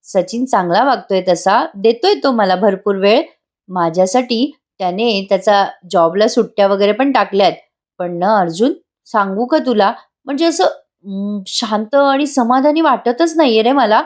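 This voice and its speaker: A woman's voice: mid-range voice, normal speed, natural voice. A woman reading out a troubled young pregnant woman's words to her brother, restless and wistful.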